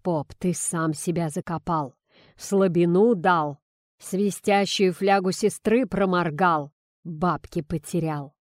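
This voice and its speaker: A woman voicing a cruel, mocking male gang boss who speaks slowly and low, in a dry audiobook reading. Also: darkish tone, dry recording. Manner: slow, low, taunting.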